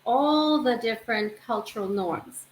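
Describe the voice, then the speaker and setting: A woman's voice: fairly high pitch, a little slow. A woman hosting an interview, asking long, enthusiastic, framing questions. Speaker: interview host. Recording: echoey room with faint noise.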